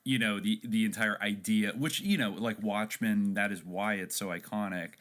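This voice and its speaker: A man co-hosting a podcast, talking casually in a low-key, hesitant way that trails off. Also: moderate pace, a bit bright. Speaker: podcast co-host. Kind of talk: casual chat.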